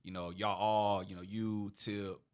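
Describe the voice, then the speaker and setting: Man, lowish voice, relaxed host, casual chat. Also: measured pace, clean tone. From Atlanta. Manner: relaxed, leading questions. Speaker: podcast host.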